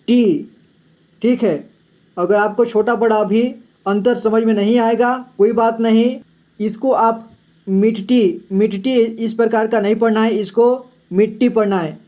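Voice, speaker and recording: A man's voice: sits high, darkish tone. A man teaching children to read Hindi words, spelling each word out letter by letter and often saying "ठीक है". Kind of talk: slow, patient reading lesson.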